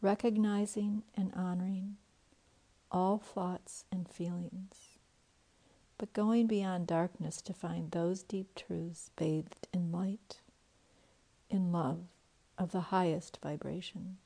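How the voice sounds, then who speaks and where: A woman leading a guided meditation in a soft, breathy voice that often drops to a whisper. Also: lowish voice, fairly even intonation, takes it slowly.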